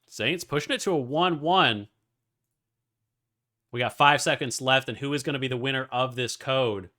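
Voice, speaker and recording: A man streaming and casting an esports match, giving away codes and calling the plays with excitable play-by-play. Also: medium pitch, normal speed. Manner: excitable play-by-play, rising to shouts. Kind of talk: live game commentary.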